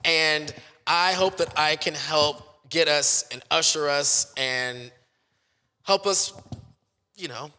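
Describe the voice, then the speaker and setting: Long reverb surrounds an American man with a bright, forceful, fairly high voice. He talks casually as an interview guest, with an effusive, self-deprecating manner, like a stadium hype man off duty. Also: slow. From Kansas City, United States. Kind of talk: casual chat.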